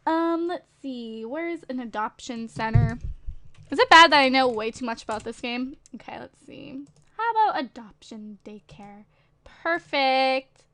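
A gaming video host with a slight lisp comments on a game from home, using a desktop USB microphone. Her high, fairly bright voice is expressive and measured in pace. She rambles and giggles, playfully trolls, and says "like" and "um" constantly.

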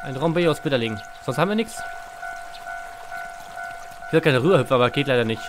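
A man's voice: medium pitch, lively intonation, fairly quick. Playful man doing game commentary. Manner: playful, reads game text aloud and jokes. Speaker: let's play host. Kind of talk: casual gameplay commentary. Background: faint game music.

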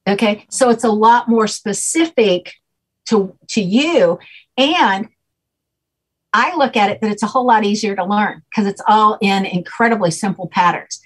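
A woman's voice: mid-range voice, normal speed, breathy edge, rough recording. An older woman, a guest, explaining her subject at length in a patient, teacherly way, often checking in with "okay?", speaking over a video call from home. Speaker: guest name expert. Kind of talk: explanatory interview talk.

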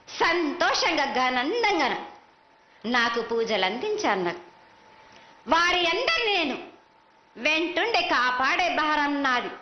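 A woman's voice: high voice, bright, forceful tone, highs cut off. A woman with a Telangana Telugu accent speaks as a festival oracle in the voice of a mother goddess, declaiming commands and repeating herself. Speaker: oracle delivering a festival prophecy. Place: live temple festival ceremony. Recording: echoey, band-limited live broadcast with faint noise.

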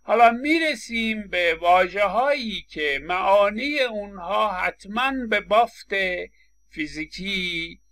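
Gravelly, bright-voiced male lecturer. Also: high-pitched, expressive. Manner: explains with examples and acted-out quotes, frequent stammered restarts. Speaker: linguistics lecturer. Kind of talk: recorded university lecture.

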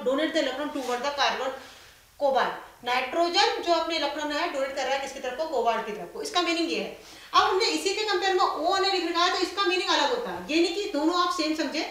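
A woman's voice: high-pitched, fairly bright tone. A woman chemistry lecturer teaching a class, asking questions and answering them herself, with English terms mixed into her speech. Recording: very echoey room with faint noise.

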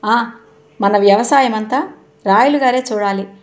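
A woman reading the lines of a young male doctor in a low, subdued voice. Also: measured pace, natural voice. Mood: demanding.

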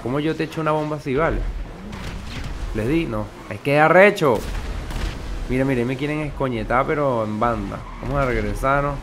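A man with a Venezuelan Spanish accent talks fast and loose over his gameplay, cursing and joking with his viewers. His voice sits at an ordinary pitch, with a faint hiss in the background. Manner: excitable, swearing, joking with viewers. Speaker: gaming YouTuber. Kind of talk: casual gameplay commentary.

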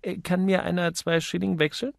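A man voicing a cheerful, bustling young woman office clerk in an audiobook, raising his voice high and chirpy. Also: flat delivery, moderate pace, gravelly, no room sound, studio quality.

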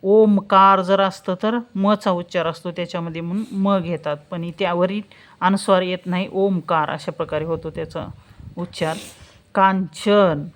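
Woman teaching, drawing out words slowly. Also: on the low side, fairly even intonation. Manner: slow, drawn-out pronunciation of example words, asks questions and answers them herself. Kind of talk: spelling lesson, explaining step by step.

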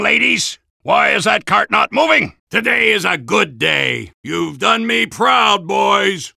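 An actor playing a gung-ho, belligerent American army soldier in a video game, barking bombastic orders and insults in a raspy, gravelly shout. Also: male voice, very high-pitched, no room sound, studio quality, heavily acted. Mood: proud, triumphant.

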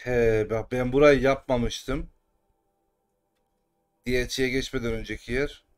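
A man giving live gameplay commentary as a streamer, excitable and cursing at the game at times, then calm and muttering. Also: medium pitch, measured pace, clean tone, soft background music.

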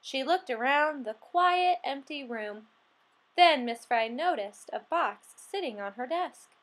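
A woman reading a children's picture book aloud, expressive and playful, acting out the animal sounds. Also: sits high, slow pace. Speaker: storybook reader.

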